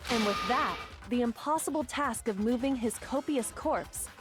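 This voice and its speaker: A woman playing a composed, smug young woman in an anime mystery game, speaking deliberately. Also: on the high side, soft background music, lightly acted. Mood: confident. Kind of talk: anime video game dub acting.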